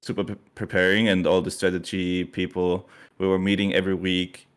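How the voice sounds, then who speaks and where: Upbeat low-voiced man, team commander. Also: little pitch movement, brisk, smooth. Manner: upbeat, eager, rambling. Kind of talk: casual interview.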